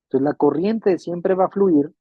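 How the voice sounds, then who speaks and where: In a classroom lecture on refrigeration electronics, a husky-voiced man speaks high-pitched and unhurried. He's patient, going over points again and making sure students follow, on a tinny, dry, phone-like recording.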